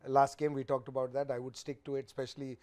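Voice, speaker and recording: A man's voice: mid-range voice, flat delivery, fast, a little mellow. A man giving studio match analysis as a cricket pundit, emphatic and opinionated.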